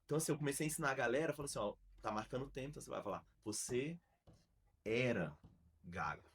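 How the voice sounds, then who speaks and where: A man from Brazil, a podcast host, telling a story in a casual, slangy, animated way with many restarts. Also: medium pitch, racing, breathy edge.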